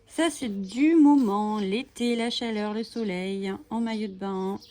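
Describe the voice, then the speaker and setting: A woman hosting a coloring channel goes through her coloring books in a relaxed flip-through, chatting eagerly and leaning on fillers. Her voice is mid-range and a little mellow, her pace unhurried. Birds chirp, and a slight hiss or hum runs underneath.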